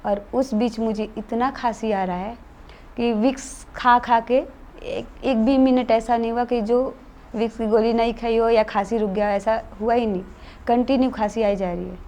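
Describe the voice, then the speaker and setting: Woman recounting her experience in a mellow voice. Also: on the high side, fairly even intonation, moderate pace. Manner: earnest, matter-of-fact retelling in plain conversational Hindi. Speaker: guest telling a true experience. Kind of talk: casual interview storytelling.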